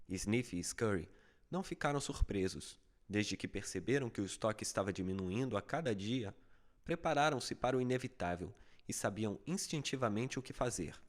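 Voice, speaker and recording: A man narrating a fable as an audiobook, with steady, even storytelling. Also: fairly low pitch, normal speed.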